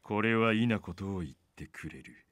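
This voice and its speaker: An actor playing a calm criminal mastermind in a Japanese game, monologuing with slow, theatrical menace. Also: male voice, lowish voice, no room sound. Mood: smug, theatrical. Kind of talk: Japanese visual novel game voice acting.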